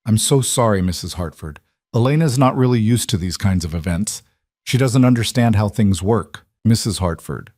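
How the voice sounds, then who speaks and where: A man's voice: fairly low pitch, lively intonation, normal speed, darkish tone, no echo. A man voicing a scheming, spiteful young woman who mocks with false concern, in a dramatized audiobook story. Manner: falsely concerned, mocking, scornful.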